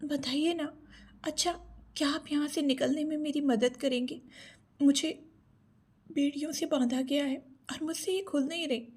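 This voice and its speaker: A woman voicing a timid, frightened young woman in an audio story, speaking softly and pleadingly in a raised voice. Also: high voice, fairly even intonation, normal speed, voice pushed up, natural voice. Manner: pleading, soft and shaky.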